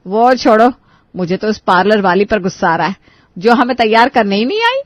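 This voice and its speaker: A woman's voice: medium pitch, big pitch swings, a little fast, no room sound, close to an everyday voice. A woman voicing a fussy, dramatic middle-aged mother of the groom in a cartoon story. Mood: fretful. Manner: dramatic, complaining.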